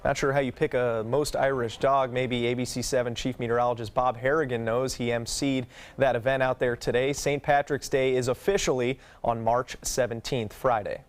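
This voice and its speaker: A man's voice: mid-range voice, level tone, moderate pace, slight background noise. An American man reading scripted local television news as an anchor.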